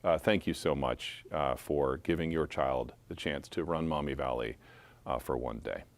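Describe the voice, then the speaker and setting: A man's voice: a bass voice, normal speed, gravelly. A man calling a live charity auction for a school, playful and joking between bids.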